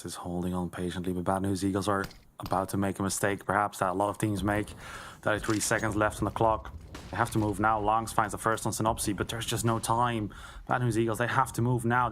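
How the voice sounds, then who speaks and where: A man in his twenties with a fairly low voice casts esports. His commentary is emphatic, built on short repeated phrases and loose banter. A clear layer of noise and clicks sits on the recording. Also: fairly bright tone. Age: 20s. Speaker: esports caster.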